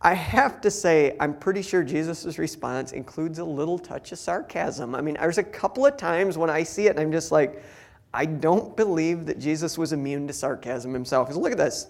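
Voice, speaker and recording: A man's voice: on the high side, normal speed, vocal fry, darkish tone. A man reading Bible passages aloud and explaining them in an earnest, conversational teaching style with touches of humor. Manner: reads scripture then explains it conversationally.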